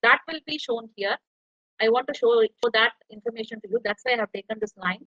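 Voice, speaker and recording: Woman, lecturer, step-by-step online tutorial, crisp bright tone, dry lo-fi call sound. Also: on the high side, fairly quick, dry recording. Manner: explains step by step while typing.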